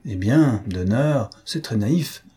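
A man voicing a vain, foppish young gentleman who talks in an affected, mocking, chatty way. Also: medium pitch, expressive, takes it slowly, husky, heavily acted.

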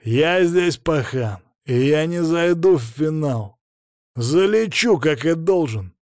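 A man voicing a boastful adult male fighter who acts as a prison boss, slow, loud and swaggering, in an audiobook. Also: on the high side, animated, no room sound, studio quality, voice pushed up.

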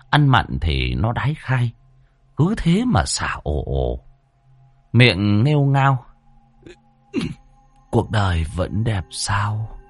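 Male story narrator, husky and very animated, dry close mic. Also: fairly low pitch, no echo. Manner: colloquial, vivid, swinging delivery. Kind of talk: folksy ghost story narration.

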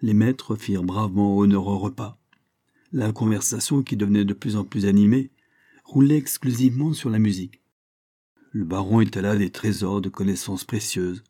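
A man narrates a classic story in a steady, measured reading voice. His voice sits low and sounds mellow. The recording is close and dry. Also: no room sound. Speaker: audiobook narrator. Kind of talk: scripted narration.

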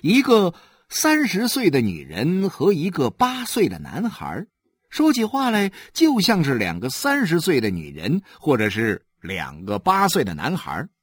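Animated male storyteller, husky voice. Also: fairly high pitch, measured pace, no echo. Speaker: audiobook narrator. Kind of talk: expressive literary narration.

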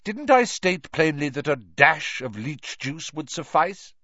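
A cold, cutting schoolmaster, as a male narrator puts him on, scathing and forceful. His lively voice lashes out in dry, slightly dull sound. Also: mid-range voice, a little slow, no room sound, voice pushed up. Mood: cold scorn.

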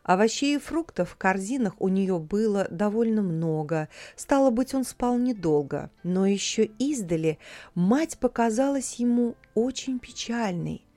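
A woman narrating a fairy tale audiobook in a calm, expressive storytelling manner. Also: mid-range voice, measured pace, no room sound.

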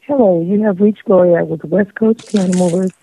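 A woman's voicemail greeting played from an answering machine, delivered as a polite, even message from an office receptionist. Her voice is very dark, husky and gravelly. The sound is dry and muffled, like an old answering machine tape. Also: lowish voice, normal speed, dry recording. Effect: recorded answering machine greeting.

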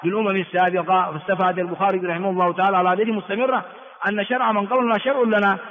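A man teaching a religious text in a classroom lecture, repeating words for students and asking rhetorical questions. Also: high-pitched. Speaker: Islamic scholar teaching a hadith text. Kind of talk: classroom lecture on hadith and grammar. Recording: tinny phone-like echoey hall recording.

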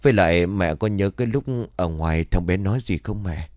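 A man's voice: brisk, a little mellow, no echo, clean studio sound, close to an everyday voice. A man voicing a grieving young widow who pleads tearfully. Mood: tearful, anxious. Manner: pleading, tearful, high-pitched when wailing. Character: grieving young widowed woman, anxious daughter-in-law.

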